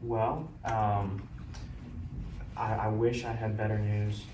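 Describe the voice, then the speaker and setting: A man playing a caring doctor who breaks bad news gently, apologetically and haltingly in a role-played consultation. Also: fairly low pitch, gravelly. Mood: gentle, apologetic. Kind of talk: amateur role-play of a medical consultation. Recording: roomy, distant mic, loud background noise.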